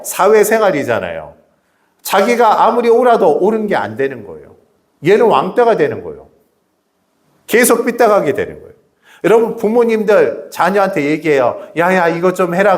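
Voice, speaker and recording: Highly animated middle-aged male pastor preaching. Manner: animated preaching with repeated rhetorical questions; chats directly with the congregation. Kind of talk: sermon. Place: church sanctuary.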